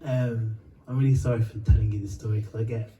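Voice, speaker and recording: A man's voice: on the low side, steady tone, fast, dark tone, distant mic, a little hiss or hum, poor audio. A man from Uganda and Britain telling a long, rambling story between songs, full of fillers, swearing and laughter.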